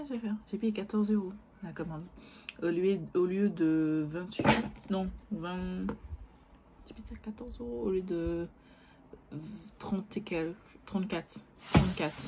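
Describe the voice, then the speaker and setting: A woman's voice: on the low side, heavy background noise. A young woman talking casually to her viewers about makeup, rambling and cursing freely when annoyed. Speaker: beauty vlogger. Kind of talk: casual chat to camera.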